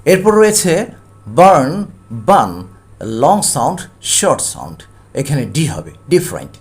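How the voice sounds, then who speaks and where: A man, an English teacher giving a recorded lesson. He explains step by step and reads each English phrase slowly. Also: on the high side, huge pitch swings, a little mellow, slightly rough. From Bangladesh.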